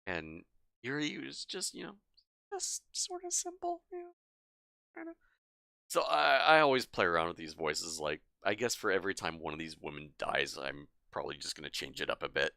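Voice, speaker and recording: A woman's voice: rumbling low, sing-song, moderate pace, vocal fry, a bit bright, no echo, studio quality. A young woman streaming a game, chatting casually and animatedly, often laughing. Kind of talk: casual live-stream chat.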